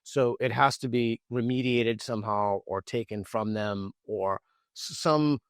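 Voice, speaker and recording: A man's voice: medium pitch, a little slow, dry recording. Earnest man, argumentative, dry sound. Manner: earnest, argumentative, frequent restarts. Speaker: guest author. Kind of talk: interview conversation.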